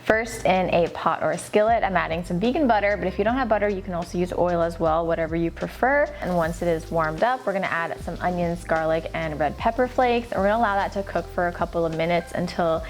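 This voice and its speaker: A woman's voice: on the low side, fast, hardly any pauses, soft background music. A woman co-hosting a cooking video, narrating recipes in a casual, instructional way. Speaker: co-host of cooking channel.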